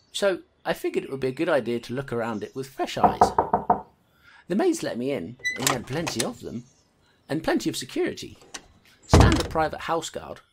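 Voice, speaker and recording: Her voice rumbling low and heavily acted, a woman voices a blunt, wry young constable in an audio drama, narrating the case and answering guardedly. Music plays in the background along with other noise.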